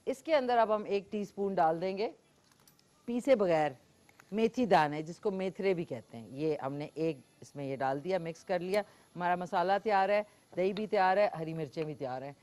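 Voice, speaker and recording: A woman's voice: on the low side, moderate pace, a little mellow. A woman with a Pakistani Urdu accent hosting a live cooking show, chatting as she cooks and takes callers. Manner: chatty, talks while cooking, frequent fillers.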